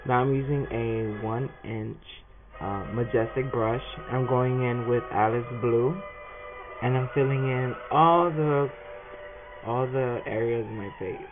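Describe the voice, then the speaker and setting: A man's voice: medium pitch, fairly even intonation, measured pace. A man, a face painter, casually talking through a face paint tutorial with a lot of "um" fillers. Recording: tinny phone-like recording with music.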